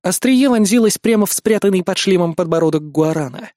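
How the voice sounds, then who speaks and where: A man narrating a story in a lively, expressive first-person audiobook reading. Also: sits high, fairly quick, dry recording, clean studio sound.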